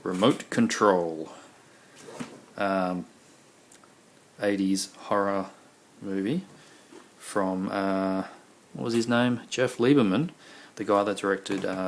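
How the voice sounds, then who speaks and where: Speaking unhurriedly in a low, fairly even voice, a man rambles through a tour of his video collection, peppering it with ums and uhs. He's losing his voice, and the home recording is noisy.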